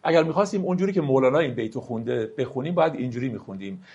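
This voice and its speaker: A man teaching classical poetry, telling a parable and then reciting verses slowly and explaining them in quicker asides. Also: medium pitch, expressive, darkish tone, husky, lo-fi sound. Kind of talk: lecture with slow poetry recitation.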